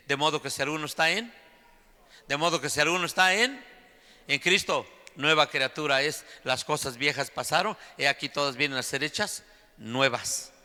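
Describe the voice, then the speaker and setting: A man's voice: medium pitch, long reverb tail. A man preaching an emphatic sermon to his congregation in a church. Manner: emphatic preaching, often loud and climbing. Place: church sanctuary.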